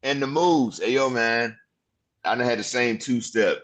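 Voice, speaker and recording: A man in his fifties hosting a casual interview, excitable and rambling, full of slang. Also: medium pitch, measured pace. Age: 50s. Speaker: podcast host.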